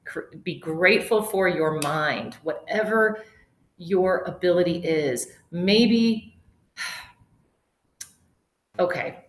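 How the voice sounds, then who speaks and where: Brief: middle-aged woman, lowish voice, a chatty wellness webinar host who drifts into tangents. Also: drawn-out words, long pauses. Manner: chatty, digressive, laughs often. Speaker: yoga instructor and webinar host. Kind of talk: casual webinar talk. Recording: roomy echo.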